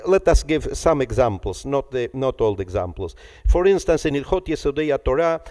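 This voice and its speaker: A man giving an academic conference lecture, partly reading from a text, pausing often with "eh" and "uh" and repeating words as he searches for them. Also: a little high, mellow, in a large hall. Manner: halting, with frequent "eh" and "uh" fillers and repeated words.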